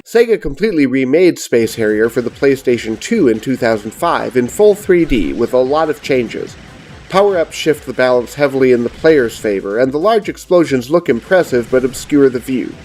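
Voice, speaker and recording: A middle-aged man, giving scripted, measured and precise review narration as host of a retro gaming show. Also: mid-range voice, expressive, darkish tone, soft background music.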